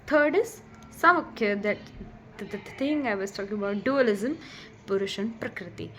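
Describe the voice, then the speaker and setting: A woman in a casual vlog, explaining scriptures with chatty, excitable asides and frequent restarts. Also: mid-range voice, moderate pace, slight background noise.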